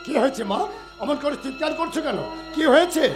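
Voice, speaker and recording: A man's voice: very high-pitched, quick pace. An actor playing an honest, devout older official in a folk stage play, speaking in a declamatory, fatherly way. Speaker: government inspector. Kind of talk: jatra stage acting. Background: stage music.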